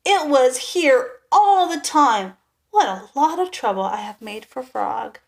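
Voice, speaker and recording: Storybook read-aloud: woman playing a fussy little male toad, high and loud, indignant. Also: animated, slow, creaky, exaggerated voice. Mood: remorseful.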